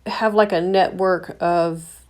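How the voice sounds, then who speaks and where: Low-pitched woman chatting. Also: steady tone, takes it slowly, darkish tone. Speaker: assistant relaying viewer questions. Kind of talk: casual chat.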